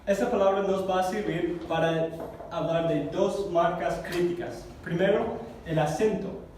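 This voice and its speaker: A man teaching a Greek class, explaining slowly and carefully, repeating words and correcting himself as he goes. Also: high-pitched, fairly even intonation, darkish tone, slight background noise. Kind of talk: classroom lesson. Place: church classroom. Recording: echoey room recorded from a distance.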